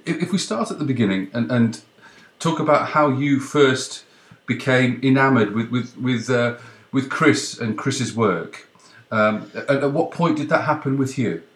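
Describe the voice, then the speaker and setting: Host: man, mid pitch, halting and jokey, stumbles on words, echoey room sound. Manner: hesitant, joking, stumbles over words. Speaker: podcast host. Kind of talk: casual interview chat. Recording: roomy echo.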